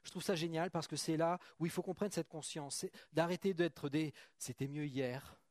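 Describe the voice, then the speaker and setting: A man preaches a sermon in a church, reading scripture aloud and then breaking into casual, chatty asides to his congregation. His voice is a little high yet darkish, steady and fairly quick, recorded at studio quality with no echo.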